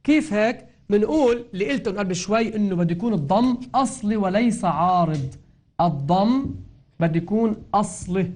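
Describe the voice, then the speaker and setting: Lebanese guy teaching quran recitation, pretty high voice, keeps repeating the example words slow and careful. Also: a little mellow. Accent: Lebanese Arabic. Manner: explains patiently, repeating and drawing out example words. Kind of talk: spoken grammar and tajweed lesson.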